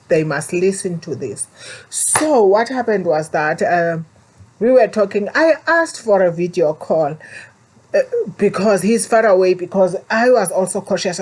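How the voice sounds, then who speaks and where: A woman vlogger with a South African accent tells viewers her own story and warns them, earnest and preachy, often repeating herself. Her voice is lowish, husky, and darkish in tone.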